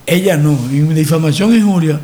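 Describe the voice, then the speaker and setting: A man's voice: on the high side, a little fast, dark tone. A man hosting a talk radio debate, emphatic and lecturing, restarting phrases often.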